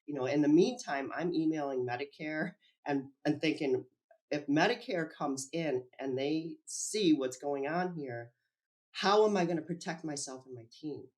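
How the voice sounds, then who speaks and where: A woman speaking as an interview guest, recounting her experience in a lively, animated way. She acts out conversations as she tells them and laughs easily. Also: deep voice, moderate pace. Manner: animated, acts out quoted dialogue, laughs often. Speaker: whistleblower guest. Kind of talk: interview storytelling.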